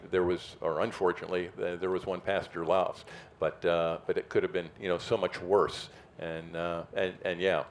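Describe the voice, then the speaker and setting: A middle-aged man with a low voice hosts a live event in a casual, off-the-cuff way. He rambles and restarts his sentences often as he talks with his guest. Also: a little hiss or hum. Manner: rambling, halting, many restarts. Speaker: event host, interviewer.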